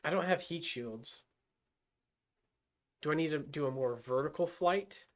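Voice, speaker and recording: Talking a little slowly in a voice on the high side, a livestreamer narrates his own rocket gameplay under his breath, thinking aloud with fillers and restarts in casual commentary.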